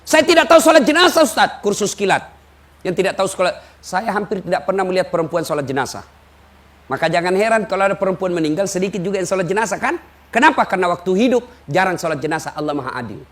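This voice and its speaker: High-voiced joking preacher man. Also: fast. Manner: lively joking storyteller, acts out quotes. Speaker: Islamic preacher. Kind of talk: humorous sermon.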